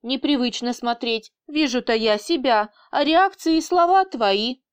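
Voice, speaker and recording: A woman's voice: high voice, lively intonation, a little slow, clean tone. A woman voicing a smug, unflappable boss man. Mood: reasoning. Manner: teasing, unflappable. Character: calm, mocking male boss in a woman's body.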